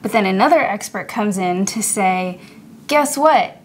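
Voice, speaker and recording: A woman's voice: medium pitch, moderate pace, a little hiss or hum. A woman host narrates a scripted podcast essay in a mid-range voice. She keeps it casual and wry, breaking into chatty asides. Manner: casual, wry, conversational, laughs at own jokes.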